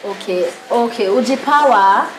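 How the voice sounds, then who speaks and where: A woman's voice: on the high side, unhurried, background noise. A woman with a Kenyan accent giving casual interview answers as a guest. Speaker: guest, porridge seller. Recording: echoey room, crowd chatter behind.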